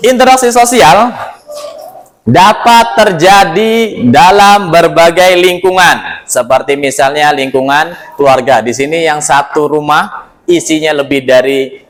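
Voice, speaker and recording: A man teaching a classroom lesson in a lively way. He keeps questioning his students and mixes in religious exclamations and light jokes. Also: on the high side, rough recording.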